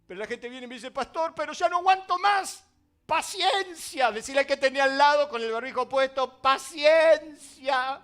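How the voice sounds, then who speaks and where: A male pastor with an Argentine accent preaching a sermon, swinging from loud emphasis to quiet, confiding asides. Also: very high-pitched, quick pace, hardly any pauses. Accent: Argentine Spanish.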